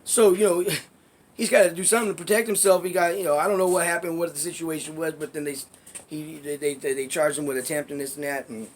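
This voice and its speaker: A man casually telling a story in a vlog, rambling and swearing, dropping to low asides and then bursting out loudly. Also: fairly even intonation, quick pace, a little hiss or hum. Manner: profane, rambling, loudness swings between low asides and emphatic bursts. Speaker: vlogger telling neighborhood stories.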